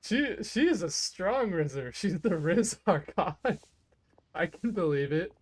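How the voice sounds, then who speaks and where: Low, husky woman game streamer. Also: big pitch swings, slow pace. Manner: playful, giggly, joking. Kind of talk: casual live reaction commentary. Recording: game music behind the voice.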